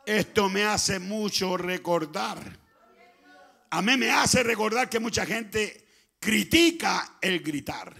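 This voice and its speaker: Chilean male pastor, fervent shouting preacher, gravelly, high and bright. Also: slow pace. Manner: fervent, often shouting, swings between loud and soft. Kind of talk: Pentecostal sermon. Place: church.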